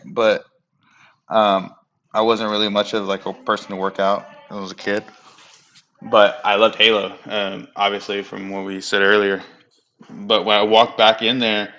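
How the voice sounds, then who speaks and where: A young man hosting a casual podcast chat at home, loose, profane and quick to laugh. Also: on the low side, sharp tone, muffled recording. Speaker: podcast host. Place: home room.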